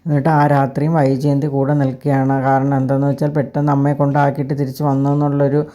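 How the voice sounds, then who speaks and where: A narrator retelling a TV serial episode in rapid, even storytelling, with frequent filler sounds between sentences. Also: mid-range voice.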